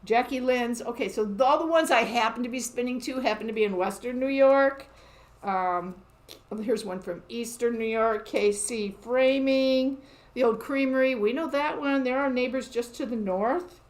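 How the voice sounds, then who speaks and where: A woman's voice: a little high, normal speed. A woman hosting a casual live show-and-tell from her quilt shop, chatty and upbeat, laughing often.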